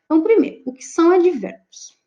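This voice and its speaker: A Brazilian woman teaches an online lesson, pitched high and moving lively through her explanations. Her tone is mellow and warm, not bright. She keeps checking in with the class, and the recording sounds dull and lo-fi. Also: fairly quick. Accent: Brazilian Portuguese. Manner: explains with frequent check-ins to students. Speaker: Portuguese teacher.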